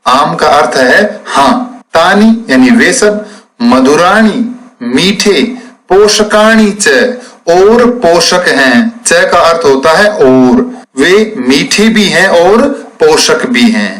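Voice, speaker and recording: A male teacher working through textbook exercises at an unhurried, measured pace. His voice sits a little higher than most men's, and he breaks words apart syllable by syllable as he explains them. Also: fairly bright tone, low-quality recording. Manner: slow, deliberate, spelling out words syllable by syllable.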